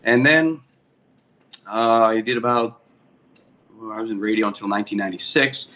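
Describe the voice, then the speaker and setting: This is a man with a sharp tone and a voice on the low side, speaking at a normal speed in a Boston accent. A guest from the Boston area, USA, and a DJ and bar manager, he recounts his career in a casual interview, rambling and often correcting himself. The audio is muffled, with faint ambient noise.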